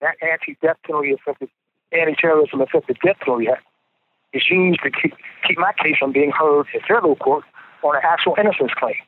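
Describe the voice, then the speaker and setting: Guy on a prison payphone call, kinda high voice, tinny phone line, earnest, repeats himself. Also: quick pace, a little hiss or hum. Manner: earnest, repeats words as he restarts. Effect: payphone call over a tinny prison phone line. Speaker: incarcerated interviewee calling in. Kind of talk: casual phone interview. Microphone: prison payphone handset.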